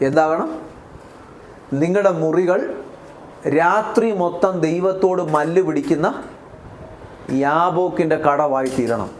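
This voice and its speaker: A man's voice: on the high side, unhurried, pauses often, slight background noise. A man with a Malayali accent preaching a sermon as pastor, often putting questions to the congregation. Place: church.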